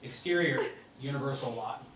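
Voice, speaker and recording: A man serves as narrator at a live script read-through, reading stage directions, stumbling over lines at times and bursting into laughter. He speaks at a normal speed in a medium-pitched voice. The recording is roomy and noisy, taken on a distant mic with music in the background.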